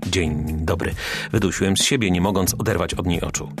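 A man narrating a first-person detective story for a radio audiobook in a wry, expressive way. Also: low voice, fast talker, music in the background.

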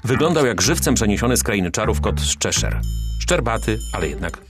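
A man narrating a first-person detective story for a radio audiobook in a wry, expressive way. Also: lowish voice, brisk, over music.

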